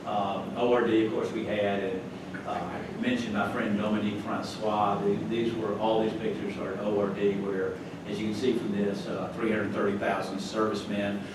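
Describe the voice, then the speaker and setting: In a meeting hall, an older guest speaker from North Carolina chats his way through a folksy slide talk for a club, chuckling as he goes off on asides. His fairly low voice is flat, moderately paced, with hardly any pauses, and the audio is distant, echoey, and noisy.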